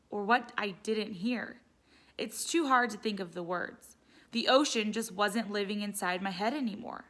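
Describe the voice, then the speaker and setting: In a mid-range voice, a woman reads a children's story aloud the way a teacher would, narrating expressively.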